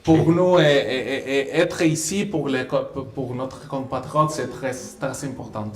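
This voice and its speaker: A man with a Spanish accent speaks hesitant, non-native French as an interview guest. His voice sits at a middle pitch. The room around him is clearly echoey, as at a live radio event. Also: fairly even intonation, a little slow. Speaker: interview guest, deputy consul. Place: live event venue with an audience.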